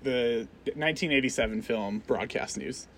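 A man's voice: mid-range voice, moderate pace, a little hiss or hum. Chatty man hosting a podcast. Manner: chatty, laughs often, restarts phrases. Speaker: podcast host. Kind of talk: casual chat.

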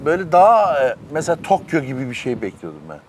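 Animated storytelling middle-aged man. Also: a little high, fast talker, slight background noise. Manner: storytelling, animated, laughs often. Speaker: host. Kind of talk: casual chat.

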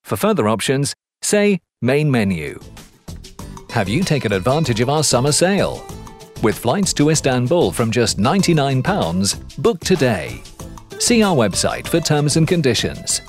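A man voicing scripted phone-system prompts in a measured, polite, evenly enunciated way. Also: mid-range voice, sing-song, faint music behind. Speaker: voice-over artist.

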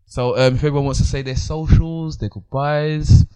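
Higher-voiced man hosting a podcast. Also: fairly even intonation, moderate pace, warm tone, clean tone. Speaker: podcast host. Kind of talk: casual panel discussion.

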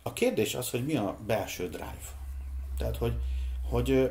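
A middle-aged man raised in Hungary, a singer, talking in a casual discussion in a reflective, measured way, pausing to think aloud. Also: medium pitch, lively intonation, vocal fry, dark tone. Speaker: podcast guest, singer.

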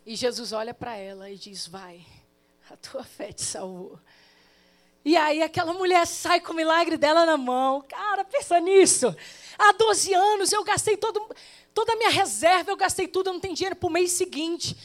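A woman with a Brazilian Portuguese accent preaching a sermon in church, telling stories lively and acting out the voices. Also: very high voice, a little fast. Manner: animated storytelling, acting out voices.

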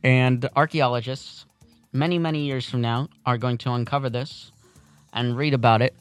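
A man's voice: steady tone, moderate pace, clean tone, no echo. Man, radio host, casual morning interview, questioning, pushes back, dry studio mic, faint music behind. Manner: questioning, pushes back on answers, rises in pitch when worried.

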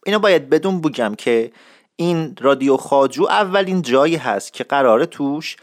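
A man's voice: medium pitch, expressive, no echo, clean studio sound. A man hosting his own podcast, talking in a playful, mock-serious lecturing way. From Isfahan, Iran. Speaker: podcast host. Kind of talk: humorous podcast monologue.

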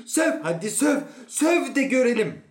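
A man voicing a prim, inspector-like man who shouts indignantly in a storybook reading. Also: sits high, lively intonation, normal speed, voice pushed up. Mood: indignant shouting. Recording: echoey room.

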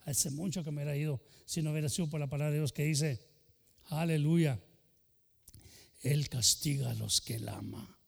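Older pastor preaching passionately in a hall. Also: male voice, a little high, moderate pace, vocal fry. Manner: impassioned, switching between Spanish and English. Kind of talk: bilingual sermon.

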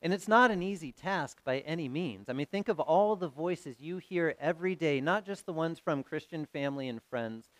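A man preaching a sermon as pastor, in a conversational style that swings from loud to soft. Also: a little high, animated, normal speed, few pauses, no room sound.

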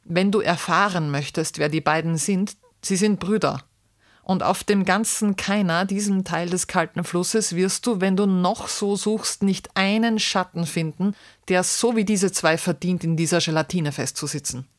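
A woman's voice: lowish voice, moderate pace, close to an everyday voice. A woman voicing a bitter man whose ears have frozen off, speaking scornfully in a spoken story.

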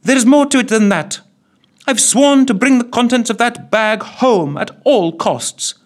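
Brief: man playing a headstrong young fighter woman, stern and raised in pitch, storybook. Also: lively intonation, measured pace. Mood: resolute. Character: determined proud young woman, fierce.

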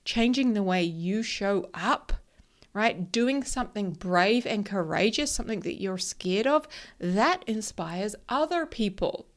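A woman's voice: medium pitch, expressive, unhurried. A woman with a broad New Zealand accent giving a casual motivational talk as a coach, telling personal stories in an emphatic, sweary, informal way and often checking in with the listener. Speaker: mindset coach and presenter.

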